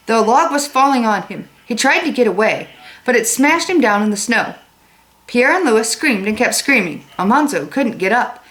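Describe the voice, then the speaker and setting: A woman's voice: a little high, a bit bright, rough recording. A woman teacher reading a chapter aloud to her pupils and explaining it in a casual, chatty way. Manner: casual, chatty asides to students.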